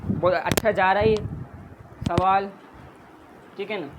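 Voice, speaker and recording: A man's voice: high voice, steady tone, measured pace, noisy background. A man teaching a math lesson, patiently explaining steps, counting aloud and mixing in English terms. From Pakistan.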